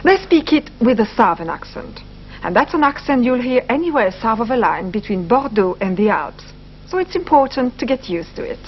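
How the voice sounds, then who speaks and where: Animated woman presenting a language lesson. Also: fairly high pitch, normal speed. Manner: careful, explanatory, repeats phrases for learners. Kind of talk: scripted educational narration. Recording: slightly muffled broadcast audio, faint hiss.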